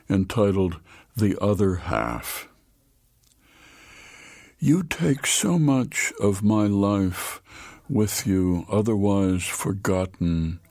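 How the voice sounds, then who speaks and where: Low, unhurried older male radio host. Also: no echo. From United States. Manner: unhurried storytelling delivery with long pauses. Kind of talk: scripted almanac narration. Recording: dry studio voice-over with soft music.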